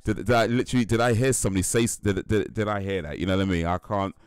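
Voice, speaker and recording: This young UK livestream host races along in a fairly low, clear, resonant voice with fairly even intonation and no echo. Chatting casually with stream viewers, he stays laid-back, laughs often, and repeats himself with plenty of fillers.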